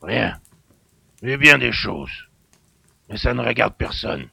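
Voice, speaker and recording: An actor playing a gruff, suspicious country innkeeper who grumbles in rustic speech. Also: male voice, sing-song, takes it slowly, sharp tone, heavily acted. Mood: grumbling. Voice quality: gravelly, low and husky. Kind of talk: audio drama acting.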